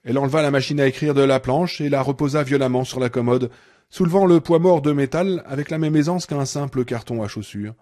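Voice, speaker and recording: Mellow-voiced male audiobook narrator. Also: medium pitch. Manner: measured, dramatic, darkening on tense passages.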